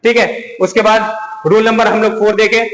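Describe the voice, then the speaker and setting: A male teacher giving a grammar lesson, asking questions and answering them himself, and repeating key words slowly. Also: high voice, little pitch movement, a bit bright. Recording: echoey room with long reverb.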